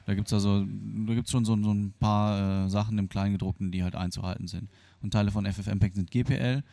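A free software developer being interviewed explains things in a casual, hesitant way, speaking a little fast with a steady tone. His lowish voice is gravelly yet warm, captured on a dry recording; he was born in Argentina and grew up in Germany.

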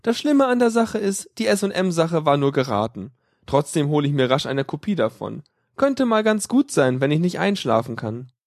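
A man's voice: fairly high pitch, very animated, normal speed, vocal fry, hardly any pauses, darkish tone, no room sound, clean studio sound. A man reading a first-person audiobook in a sardonic, dryly mocking tone. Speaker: audiobook reader.

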